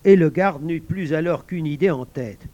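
Male storyteller with a high, dry voice. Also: moderate pace, mellow, dry recording. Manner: addresses the listener directly. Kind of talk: reading a fairy tale aloud to a child. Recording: dull lo-fi dry recording.

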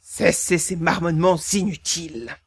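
A woman's voice: on the low side, normal speed, slightly rough. A woman voicing an impatient, fretful king who commands and bursts out in a storybook reading. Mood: royal. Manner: commanding, prone to outbursts.

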